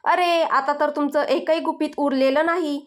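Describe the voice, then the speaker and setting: A woman's voice: sits high, steady tone, lightly acted. A woman voicing a flustered young wife who pleads and protests in a storybook. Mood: flustered pleading. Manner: pleading, sulky, quick to protest. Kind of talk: storybook dialogue.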